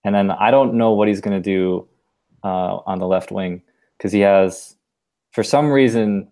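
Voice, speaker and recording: A man with a German accent, a podcast co-host talking through sports analysis in a relaxed, thoughtful way. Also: lowish voice, unhurried. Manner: thoughtful, explains at length with restarts. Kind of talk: casual sports discussion.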